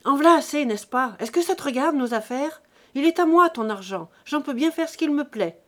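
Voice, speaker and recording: A woman voicing an old peasant father who loudly scolds his grown son. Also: high-pitched, animated, moderate pace, voice pushed up. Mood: indignant. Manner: loud, indignant, scolding. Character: angry old peasant father, weak but defiant.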